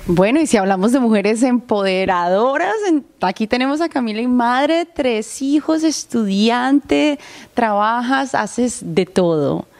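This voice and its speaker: A woman's voice: a little high, animated, a little slow, a little mellow. A woman, hosting a conversational podcast interview in an enthusiastic, encouraging way. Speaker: podcast host.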